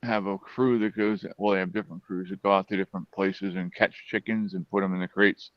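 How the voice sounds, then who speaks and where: A man with a fairly low voice speaks haltingly in a casual chat, pausing often and starting over. The sound is dry and slightly muffled, with no room around it. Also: steady tone, no echo. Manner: halting, many fillers and restarts.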